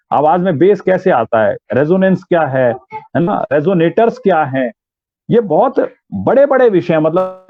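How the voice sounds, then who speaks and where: In an interview, an Uttarakhand-born voice and theatre artist explains voice training and sounds out examples. His voice runs on the high side, captured dry on a tinny, phone-like line.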